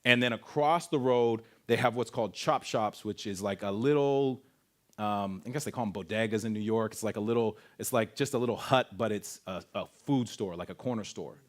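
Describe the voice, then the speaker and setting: A man from Canada, speaking at a camp and telling a personal story in an animated way, acting out voices and sound effects. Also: lowish voice, normal speed. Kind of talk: storytelling testimony talk.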